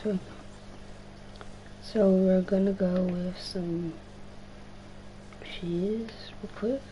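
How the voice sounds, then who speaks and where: A woman's voice: mid-range voice, fairly even intonation, very slow, dark tone, highs cut off, a little hiss or hum. A young woman livestreaming a game, rambling in a casual, slangy way with a strained, worn-out voice. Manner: rambling, slangy, swears, talks to herself. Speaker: gaming livestreamer. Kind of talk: casual live-stream chat while playing.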